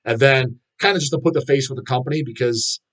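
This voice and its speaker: A man's voice: mid-range voice, quick pace, a bit bright. Blunt, profane man rambling on stream. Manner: rambling and heavily profane, many restarts and fillers; blunt, mocking gym talk. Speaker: streamer answering viewer questions. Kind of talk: casual live-stream Q&A.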